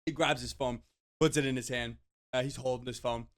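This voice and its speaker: Young male vlogger, mid-pitched, dry close sound, rambling exasperated storyteller. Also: fairly even intonation, brisk, dry recording. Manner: exasperated, rambling storytelling with repeated words and slang. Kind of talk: storytime vlog.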